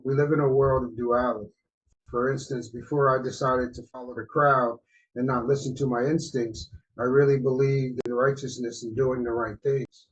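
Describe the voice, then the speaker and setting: A man co-hosting a podcast and talking earnestly about growth and authenticity, often checking in with "right?". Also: mid-range voice. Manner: earnest, explanatory, asks "right?" for agreement. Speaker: podcast co-host. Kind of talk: reflective talk on personal growth. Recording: slightly dull lo-fi sound.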